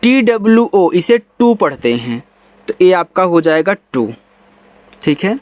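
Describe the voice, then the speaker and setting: This Hindi reading lesson features an Indian-accented man with a high, sing-song, darkish voice at a measured pace. He spells each English word one letter at a time, then sounds it out.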